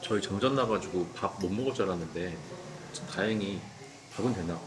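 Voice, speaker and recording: A young man making low-key, mumbled remarks in a casual travel vlog. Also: fairly quick, over a noisy crowd. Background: loud background music.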